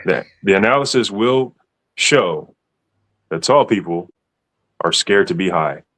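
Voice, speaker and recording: A man hosts a relaxed podcast chat. His voice sits low. He teases and jokes with slangy, playful phrasing. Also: measured pace. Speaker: podcast host. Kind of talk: casual chat.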